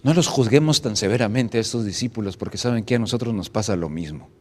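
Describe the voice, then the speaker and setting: A man's voice: on the low side, fast talker, darkish tone. A male pastor preaching a dramatic sermon in a church, acting out scenes and asking the audience questions. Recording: echoey church hall.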